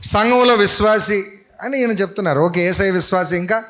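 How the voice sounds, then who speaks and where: A man's voice: high voice, fairly quick, a bit bright. A man pastor giving an interactive sermon at a church service, quizzing the congregation with repeated questions, on a handheld mic.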